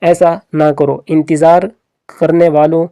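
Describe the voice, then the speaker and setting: A narrator steadily recounting a drama episode, folding the characters' dialogue into the retelling as plain quotes. The voice is mellow and soft-edged, recorded close and dry with no room sound. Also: medium pitch, level tone, smooth, no echo. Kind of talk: plot recap narration.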